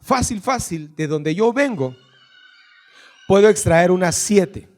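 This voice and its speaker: High-voiced, unhurried Guatemalan pastor. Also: male voice, lively intonation. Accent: Guatemalan Spanish. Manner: reads scripture lists slowly, jokes with the congregation. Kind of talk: sermon. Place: church hall.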